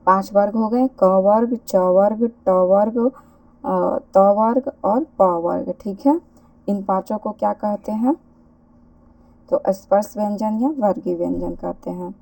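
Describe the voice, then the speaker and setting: A woman's voice: medium pitch, gravelly, warm tone. A woman teaching an exam-prep lesson, asking rhetorical questions and answering them herself. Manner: slow, repeats and asks rhetorical questions.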